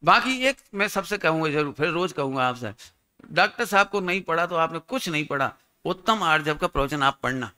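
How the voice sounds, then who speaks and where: A man's voice: fairly high pitch, expressive, a little fast, bright, forceful tone, clean tone. A man preaching a sermon as a pandit, teacherly and quizzing his listeners.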